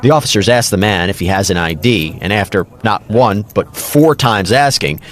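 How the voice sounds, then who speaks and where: A man's voice: on the low side, expressive, moderate pace, fairly bright tone. An American man reading scripted true-crime narration as a storyteller.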